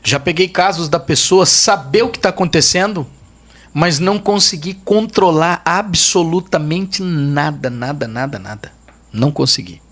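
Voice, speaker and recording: A man's voice: a little high, normal speed, fairly bright tone. A man, a pastor and podcast guest, telling a testimony in vivid detail, emphatic and repeating phrases for weight. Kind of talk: testimony storytelling in a podcast interview.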